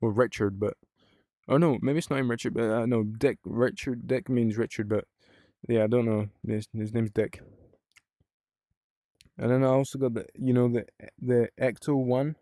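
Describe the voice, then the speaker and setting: Rambling young British guy, mellow dry voice. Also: mid-range voice, fairly even intonation, normal speed, no room sound. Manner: rambling, swears casually, frequent fillers. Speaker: vlogger. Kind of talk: casual vlog chat.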